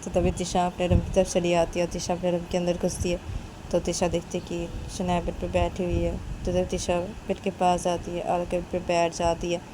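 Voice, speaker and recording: A woman's voice: lowish voice, completely flat delivery, normal speed, background noise. A woman casually narrating a homemade romance story, retelling each step plainly and repeating herself.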